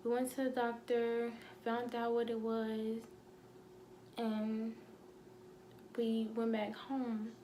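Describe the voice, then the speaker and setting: A young woman telling a painful personal story, halting with many fillers and fighting back tears. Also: fairly high pitch, completely flat delivery, dark tone, a little hiss or hum. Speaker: vlogger.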